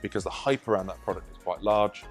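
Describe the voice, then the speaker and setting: A man who owns a supplement shop giving a measured, plain-spoken opinion of a product, with an occasional um. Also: fairly low pitch, faint music behind. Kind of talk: guest review comment.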